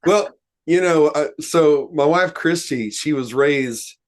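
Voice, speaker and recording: A man co-hosts a casual talk show, with a voice a little higher than most men's. He tells folksy stories in a rambling way, full of fillers and restarts. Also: slow. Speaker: co-host. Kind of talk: casual podcast chat.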